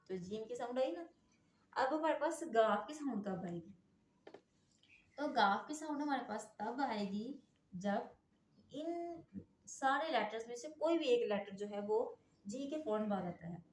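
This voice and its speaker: A woman's voice: on the high side, a little mellow. Patient woman teacher in an echoey room. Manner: patient, repeats checks like "okay?" often. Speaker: English phonics teacher. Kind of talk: classroom-style lesson explanation. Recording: echoey room, faint noise.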